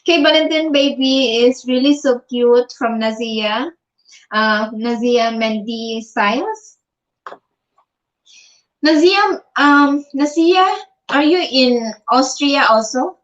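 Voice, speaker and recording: A woman's voice: sits high, takes it slowly, muffled recording. A Filipino woman doing a casual livestream from her bed on her phone, reading out viewer comments, mixing Tagalog and English and laughing often. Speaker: livestream vlogger. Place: in bed at home.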